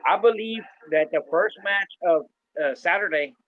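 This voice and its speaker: A man with a slightly high voice tells a story in loose, casual chat, stumbling over fillers and starting over again and again. The recording is dull and lo-fi. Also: moderate pace. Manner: rambling storyteller, many fillers and restarts. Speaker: podcast co-host. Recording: dull lo-fi sound.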